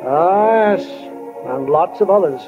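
A man acting in a 1940s radio play narrates as a musing, homespun small-town storyteller who treats the audience as friends and takes his time. His high voice has lively intonation, with soft music behind it and the tinny sound of an old 1940 broadcast.

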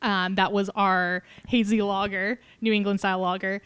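Woman co-host, casual beer-tasting chat, smooth clear voice, dry close sound. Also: medium pitch, moderate pace, dry recording. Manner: relaxed, laughs often, tasting and reminiscing. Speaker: podcast co-host.

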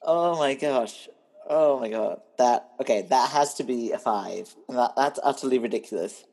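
A young man talks in a middle-pitched, breathy voice on a podcast. He reacts with quick laughs and plenty of fillers. The feel is loose and friendly. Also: a little mellow, rough recording. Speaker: podcast co-host. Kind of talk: casual chat.

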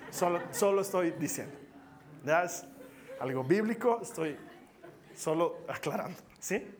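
A man's voice: on the high side, slight background noise. A man preaching a sermon to a congregation. He is emphatic, repeats key phrases and asks rhetorical questions.

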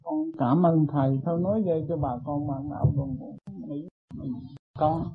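A woman's voice: deep voice, very animated, moderate pace, slightly rough, soft background music. A woman in her sixties, a meditation disciple asking her teacher for advice, hesitant and deferential, often stumbling and repeating words. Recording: tinny lo-fi tape.

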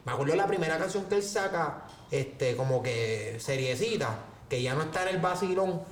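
A man's voice: a little high, moderate pace, echoey room, a little hiss or hum. A young Puerto Rican man, a podcast co-host, telling stories in casual chat and acting out what people said. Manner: animated storyteller, acts out quoted voices.

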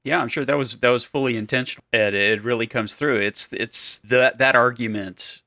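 A man co-hosting a podcast in casual discussion, adding quick quips and short agreements. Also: medium pitch, steady tone, pushed and bright, dry recording. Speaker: podcast co-host.

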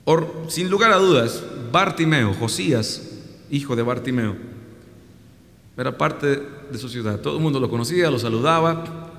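A man's voice: medium pitch, animated, moderate pace, fairly bright tone. A man with a Mexican accent preaching a sermon in a colloquial, joking way, in a hall with long reverb.

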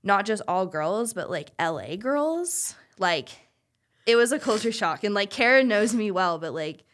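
A woman's voice: medium pitch, sing-song, unhurried, fairly bright tone. A young woman in her twenties chats openly on a podcast about her years as a college swimmer. Her talk is loose and conversational, packed with "like" and "you know.". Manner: heavy use of "like", chatty and candid. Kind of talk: casual chat.

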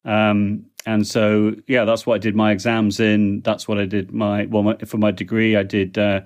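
As a podcast guest, a middle-aged language technology consultant answers questions in a relaxed interview. He has a lowish voice, keeps a level tone at a moderate pace, and chats along with frequent ums and small restarts.

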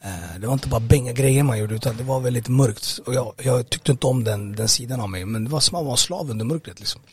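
A man giving a personal testimony in an interview. He talks conversationally and haltingly, with many fillers and repeated words. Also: medium pitch, dry recording. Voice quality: husky. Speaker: interview guest.

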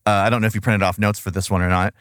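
A man's voice: on the low side, level tone, rapid-fire, noisy background. A man co-hosting a podcast, reviewing in an exasperated, profane, casual and comic way. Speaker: podcast co-host.

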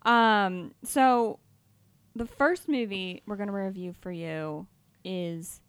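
A woman's voice: medium pitch, slow pace, clear, resonant tone. A woman with an Ohio accent co-hosting a horror movie podcast, playful and laughing, stretching words for emphasis. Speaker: podcast co-host. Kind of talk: casual horror podcast banter.

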